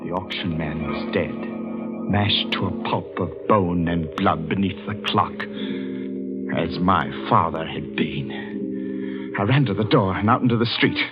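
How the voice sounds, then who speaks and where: A young adult man, haunted and anxious, narrates his own doom in an old first-person 1940s radio drama, played brooding and jittery by an actor. He speaks low and a little slowly over background music, and the recording is muffled.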